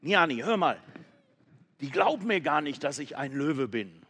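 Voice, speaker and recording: Trotzige junge Ziege, laut und beharrlich, höher gesprochen, von einem Mann gelesen. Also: male voice, fairly high pitch, very animated, a little slow, slightly rough, pitched above the performer's own voice, full character voice. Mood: insistent. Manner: loud, insistent, shouting. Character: stubborn young female goat, wants to be a lion.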